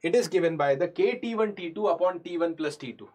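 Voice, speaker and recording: North Indian man teaching, higher-pitched voice. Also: lively intonation, fast talker, a little mellow. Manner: repeats phrases, asks students questions, mixes Hindi into English. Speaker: engineering exam lecturer. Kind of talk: live online lesson, explaining step by step.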